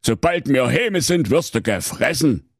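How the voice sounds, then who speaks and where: Brief: grumbling big bad wolf, husky, threatening, voiced by a man. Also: mid-range voice, lively intonation, measured pace, no room sound, studio quality, pitched above the performer's own voice, heavily acted. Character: gruff greedy male big bad wolf.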